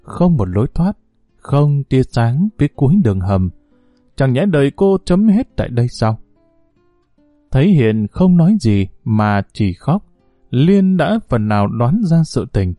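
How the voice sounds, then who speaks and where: A man narrating an audiobook story in a calm, even storytelling delivery. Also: mid-range voice, unhurried, dry recording, soft background music.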